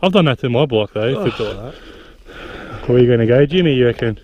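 A man's voice: mid-range voice, animated, fairly quick, dull audio, background noise. A young man riding dirt bikes outdoors on muddy trails, chatting casually with lots of laughing and swearing. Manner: laughing, swearing, easygoing banter. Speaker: dirt bike rider filming the ride. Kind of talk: casual chat.

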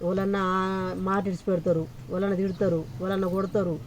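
A woman's voice: mid-range voice, little pitch movement, fast talker, darkish tone, a little hiss or hum. An older woman, lecturing and scolding as a grandmother in a family skit.

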